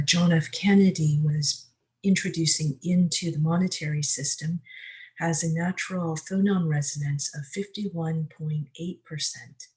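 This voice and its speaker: Presenter for a screen-share talk: slow, halting delivery with frequent filler sounds. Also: mid-range voice, darkish tone. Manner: slow, hesitant, many ums and uhs.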